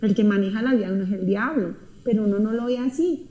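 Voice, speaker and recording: A woman with a dark-toned, medium-pitched voice talks fast as she gives an emotional personal testimony, earnest and intense, repeating her words. The recording has a roomy echo, and the highs are cut off.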